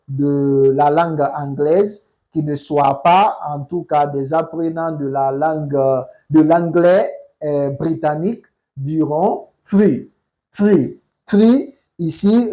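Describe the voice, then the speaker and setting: Slow, mellow English teacher. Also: mid-range voice, low-quality recording. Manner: slow and deliberate, repeats words for pronunciation. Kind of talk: slow spoken language lesson.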